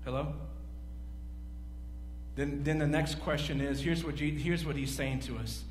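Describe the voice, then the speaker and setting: With soft music playing behind him, a pastor in his forties delivers a sermon in a voice that's a little high and a little slow. He asks the congregation questions, animatedly pacing and gesturing across a large church stage. Faint hum in an echoey hall.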